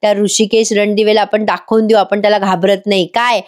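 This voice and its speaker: A woman's voice: mid-range voice, level tone, fairly quick, close to an everyday voice. A woman reading the coaxing, manipulative lines of a scheming young wife in a TV serial recap. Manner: coaxing, persuasive.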